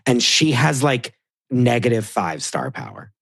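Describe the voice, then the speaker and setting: A man's voice: mid-range voice, animated, measured pace, a bit bright, no room sound. Chatty man gossiping, dry sound. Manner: rambling, heavy use of "like", acts out others' voices. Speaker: podcast co-host and TV producer, guest. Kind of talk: casual gossipy chat.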